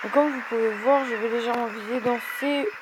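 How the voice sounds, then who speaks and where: Young female gaming host, high-pitched, chatty and excitable, over a noisy background. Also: quick pace. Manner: chatty, rambling, many hesitations; excitable, bursts out when she wins. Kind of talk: casual mobile game commentary.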